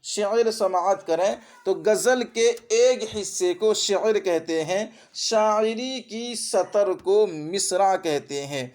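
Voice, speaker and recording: Speaking Urdu with an Indian accent, this male teacher runs through exam-focused grammar, saying terms more than once and firing brief questions at the class to check understanding. His voice sits high.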